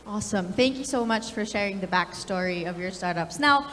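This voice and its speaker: A woman's voice: medium pitch, lively intonation, brisk, fairly bright tone, slight background noise. A woman moderating a conference panel in a chatty, friendly way, often saying "um" and "you know". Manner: chatty, friendly, many fillers. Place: conference stage. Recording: reverberant event hall.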